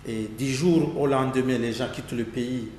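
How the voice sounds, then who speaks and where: A man from Rwanda answering interview questions earnestly and deliberately, pausing and restarting his phrases. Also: medium pitch, fairly even intonation, a little mellow, roomy sound, in a large hall, slight background noise. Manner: deliberate, with frequent restarts and pauses.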